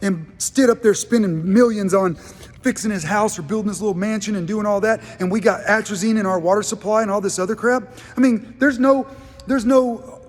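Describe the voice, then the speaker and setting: A man with a drawl tells his story as a casual, heated rant, his voice pitched high. He quotes other people as he goes and keeps getting indignant. A long reverb trails behind his words. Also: moderate pace. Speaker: channel host telling a story.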